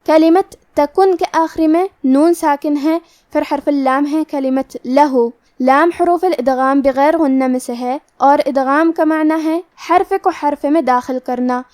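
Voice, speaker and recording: High-voiced woman teaching tajweed. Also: darkish tone. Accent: Pakistani Urdu. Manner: methodical, explains each rule then recites slowly. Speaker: Quran recitation teacher. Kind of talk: tajweed lesson with slow recitation.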